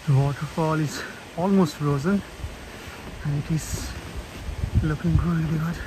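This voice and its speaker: A man vlogging casually outdoors as he trudges carefully along an icy trail, talking in halting phrases. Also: fairly high pitch, fairly even intonation. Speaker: hiking vlogger. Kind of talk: casual outdoor vlog narration to camera. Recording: clear outdoor background noise.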